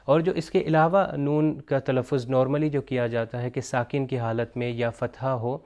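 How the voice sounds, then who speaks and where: A man teaching Quran pronunciation in a recorded lesson, explaining each letter in a clear, steady way and slowly chanting the example words. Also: medium pitch. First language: Urdu. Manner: explanatory, mixes in English terms, slow chanted recitation of examples.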